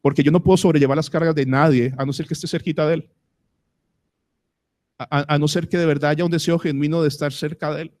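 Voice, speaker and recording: A man with a Colombian accent, a pastor preaching a sermon at a church service, asking the congregation questions and slowing down to stress words. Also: a little high, fairly even intonation, darkish tone. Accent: Colombian Spanish.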